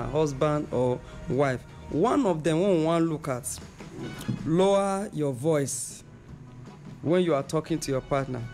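A man co-hosting a morning radio talk on marriage, giving advice in a preachy, hurried way. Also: a little high, darkish tone.

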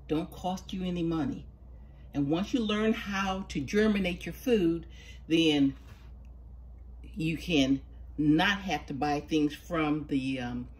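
In her sunroom, a woman with a low, darkish voice casually explains how she starts seeds, chatting patiently in a homey manner as she does the work by hand.

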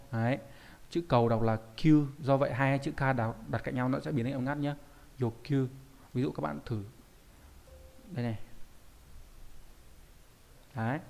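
A man teaching a Japanese reading lesson in Vietnamese, posing rhetorical questions and answering them himself, and reading Japanese lines out slowly. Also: mid-range voice, vocal fry, warm tone, long reverb tail.

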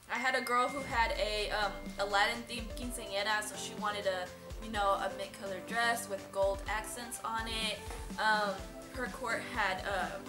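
A young woman who works as a quinceañera choreographer hosts a casual instructional vlog, chatting tips in a higher-pitched voice while seated on a sofa in a large dress boutique showroom. A camera mic a few metres away picks up a roomy echo, with music playing in the background.

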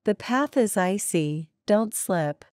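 Woman reading practice sentences, medium voice, totally dry, slow and plain. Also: medium pitch, lively intonation, darkish tone, no echo. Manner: plain, deliberate delivery of short sentences. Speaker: English practice reader.

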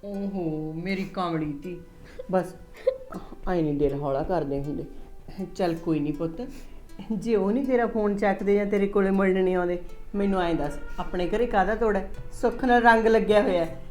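An actress playing a caring mother-in-law who gently soothes her daughter-in-law in a village family drama. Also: medium pitch, close to an everyday voice.

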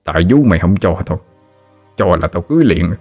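A man's voice: low voice, lively intonation, brisk, darkish tone, faint music behind. A man voicing a teasing, grumbling father near sixty.

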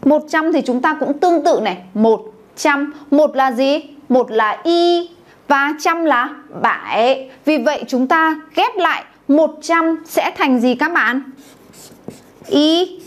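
Woman teaching a Chinese class. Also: sits high. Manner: calls on the class to repeat aloud, checks with questions. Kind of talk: classroom language lesson.

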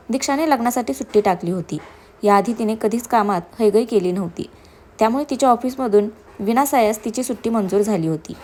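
A woman narrating a serialized story with a steady, expressive reading. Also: on the high side.

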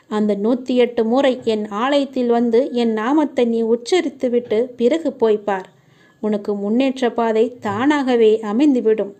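In a gentle, reassuring, slightly high voice, a woman delivers a devotional message, addressing the listener directly as though speaking in a deity's own words.

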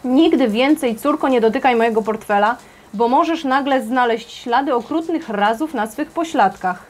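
A stern father who lectures in a pompous, solemn way, as a woman narrator puts him on. He speaks a little higher than a typical man. This is a storybook read aloud. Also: moderate pace, natural voice. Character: stern, wordy father of girls.

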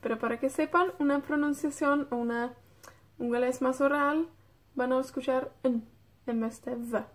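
A woman's voice: high-pitched, fairly even intonation, normal speed. A woman from Wales with a North Welsh accent, teaching a beginner Welsh lesson in Spanish, patiently checking in with her students and drilling words.

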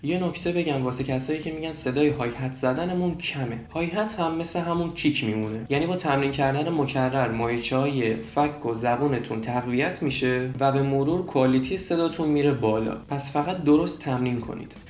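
A young man calmly explaining beatbox technique step by step, repeating points and demonstrating as he goes. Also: mid-range voice, few pauses, roomy sound. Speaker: beatbox teacher.

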